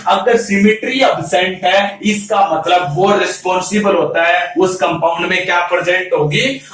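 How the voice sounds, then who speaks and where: A man's voice: sits high, a bit bright. A man teaching a chemistry class, who keeps asking rhetorical questions, answers them himself and calls his students "beta". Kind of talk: classroom lecture. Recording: very echoey room, mic far off.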